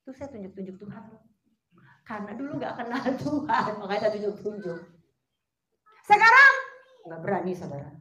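A woman's voice: mid-range voice, brisk. A woman giving a personal testimony at a church service, speaking straight to the congregation and asking it questions. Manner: animated, addresses the congregation directly and asks it questions. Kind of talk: sermon-style personal testimony. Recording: echoey hall sound.

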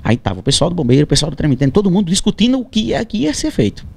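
A man's voice: a little high, racing, creaky. A male singer, telling a story in a casual interview, acting out dialogue and repeating phrases as he goes. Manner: animated, acts out quoted dialogue, stammers and repeats phrases.

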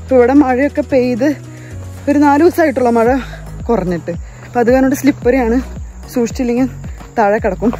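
On a forest trail next to a waterfall, a young travel vlogger narrates casually, using English phrases here and there and speaking to viewers as "guys." Her voice is a little high and a little fast, with long pauses and a dark tone. The poor audio has background music beneath it.

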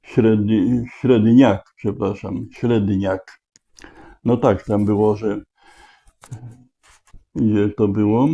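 A man thinking aloud as he solves a crossword, slowly spelling out letters and checking each word. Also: lowish voice, fairly even intonation, vocal fry, warm tone, husky. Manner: slow, deliberate, spelling out letters. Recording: dull lo-fi recording.

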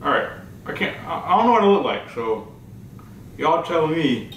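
A man's voice: fairly high pitch, sing-song, normal speed, far from the mic, slight background noise. A young man reviewing a product in a casual, slangy vlog while talking with his fingers in his mouth. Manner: loose, slangy and talkative. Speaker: YouTube reviewer. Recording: roomy sound with music behind.

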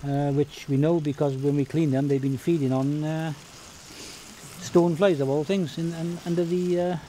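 A Welsh man in his fifties giving a relaxed, chatty cooking demonstration outdoors on a beach, with many ums and uhs. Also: fairly high pitch, moderate pace, a little hiss or hum. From Wales. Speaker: forager and outdoor cook.

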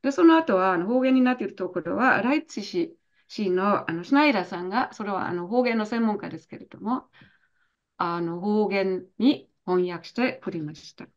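A woman's voice: medium pitch, expressive, fairly quick, highs cut off. A woman working as interpreter in an online talk, speaking hesitantly with many fillers, over a video call.

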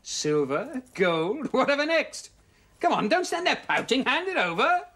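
A performer playing a cheeky male highwayman in a children's TV comedy, with a swaggering, teasing manner. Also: big pitch swings, unhurried, a bit bright, slightly rough, full character voice.

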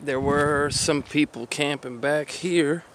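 A man's voice: on the high side, fairly even intonation, slow, fairly bright tone, slight background noise. A man vlogging at a forest campsite on a handheld camera, talking in an easygoing, rambling way. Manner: laid-back, rambling, easygoing. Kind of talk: casual chat.

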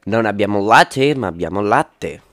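A man's voice: fairly low pitch, expressive, measured pace, a bit bright. A man voicing a fussy, easily exasperated male animatronic rabbit in a cartoon dub.

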